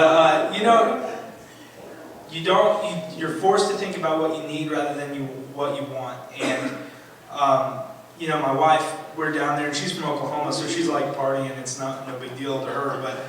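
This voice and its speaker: A man's voice: mid-range voice, noisy background. A man giving a rambling personal testimony in a church, with many fillers and restarts. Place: church sanctuary. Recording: echoey church from a distant mic.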